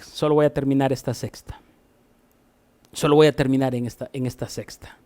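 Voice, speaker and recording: A pastor from Honduras with a Honduran Spanish accent, preaching a sermon. He repeats key phrases and moves between forceful rising passages and quiet, low asides. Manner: swings from loud emphatic repetition to soft low asides.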